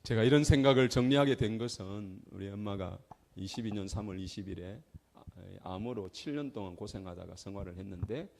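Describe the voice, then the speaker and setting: Gravelly middle-aged Gyeongsang preacher. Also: male voice, on the low side, a little fast. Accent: Gyeongsang Korean. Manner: emphatic storyteller, swings between loud outbursts and soft asides. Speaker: traveling minister. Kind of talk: personal testimony sermon.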